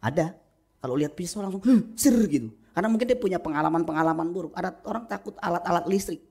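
A middle-aged man, a pastor, preaching a humorous sermon in a church, telling stories with lively acted-out quotes. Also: sits high, rapid-fire, breathy edge. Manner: animated storytelling with acted-out quotes. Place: church sanctuary.

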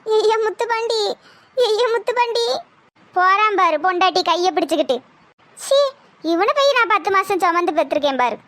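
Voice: very high voice, expressive, moderate pace, long pauses, a bit bright. A voice actor playing an old village grandmother, who laments in a sing-song crying way. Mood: wailing. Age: older. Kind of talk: cartoon voice acting.

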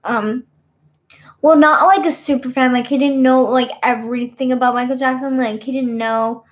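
A young woman in her twenties talks to her webcam from a small bedroom, her voice sitting high and light. She rambles through casual stories, leaning on fillers like "you know what I mean". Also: fairly even intonation, normal speed. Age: 20s. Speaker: streamer. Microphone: webcam at desk.

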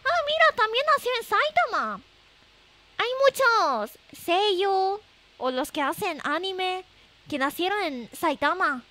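A woman's voice: sing-song, slow, sharp tone. A woman livestreamer with an anime-like voice, chatting casually and playfully with viewers, often exclaiming and repeating herself. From Japan. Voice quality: very high anime-like voice.

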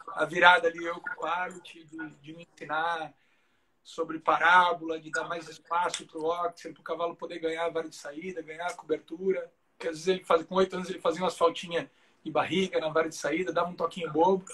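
A man's voice: on the high side, bright, forceful tone. A man, a show jumping rider, telling stories in a casual live interview, chatty and full of fillers like "cara". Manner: chatty, fills talk with "cara" and "né".

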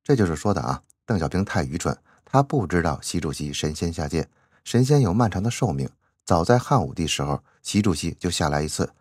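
A man's voice: deep voice, animated, fairly quick, darkish tone, slightly rough, no echo, clean studio sound. A man giving chatty commentary as he reads out a classic novel, drawing out his sentence-final particles. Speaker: channel host.

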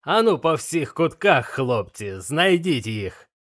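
A man's voice: a little high, very animated, pitched above the performer's own voice, exaggerated voice. A man doing a furious blind old pirate. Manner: shouting, cursing, slow emphatic.

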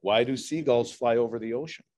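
A man's voice: mid-range voice, brisk, a little mellow. A middle-aged man giving a humorous prepared speech, telling dad jokes with setups and punchlines to a speaking club. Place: large indoor meeting room with low ceiling.

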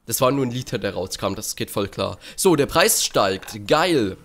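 A man's voice: lowish voice, lively intonation, moderate pace, a bit bright. A man giving casual let's play commentary with sarcastic, dry asides. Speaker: let's player.

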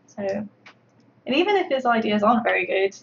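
A woman's voice: medium pitch, big pitch swings, a little fast, gravelly. A woman sculptor chatting casually on a livestream while she paints, rambling along with plenty of fillers. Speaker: sculptor livestreaming her work. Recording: dull lo-fi stream audio with faint background noise.

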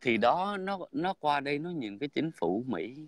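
Blunt man, crude heated chatter, a bit high-pitched, dry close sound. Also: very animated, normal speed, no room sound. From Vietnam. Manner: blunt, crude, repeats "right?". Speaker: guest in online livestream chat. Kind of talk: heated casual talk.

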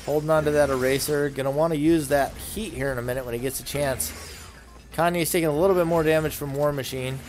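A man commentating a video game tournament, calling the action play by play with brisk, excited energy. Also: fairly high pitch, soft background music.

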